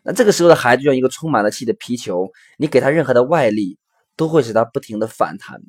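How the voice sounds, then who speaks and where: A man's voice: mid-range voice, lively intonation, fast, a little mellow, husky. A man hosting a recorded parenting lesson, explaining earnestly with frequent fillers and acting out the dialogue of his examples. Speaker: parenting educator and podcast host.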